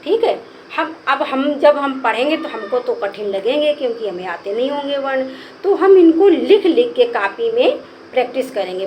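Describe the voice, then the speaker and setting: A woman teaching the Hindi alphabet, slowly sounding out each letter with an example word and repeating them in drills. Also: on the high side, darkish tone, slight background noise, poor audio. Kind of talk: slow patient classroom drill.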